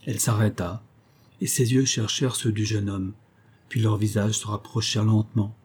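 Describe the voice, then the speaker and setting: A man reading a gothic story aloud as scripted narration, in a measured, even way. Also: lowish voice, husky. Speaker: audiobook reader.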